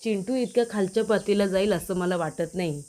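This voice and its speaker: A woman's voice: medium pitch, a little fast, darkish tone, lightly acted. A woman voicing a worried but determined young wife in a retold TV drama. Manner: earnest, firm.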